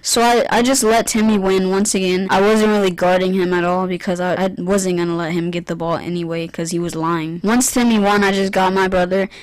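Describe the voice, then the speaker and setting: A woman's voice: lowish voice, steady tone, fairly quick, few pauses, dry recording, rough recording. Young woman doing a chatty storytime, lots of slang, really dry close mic. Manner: informal youthful slang, conversational. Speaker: video creator. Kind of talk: casual storytime narration.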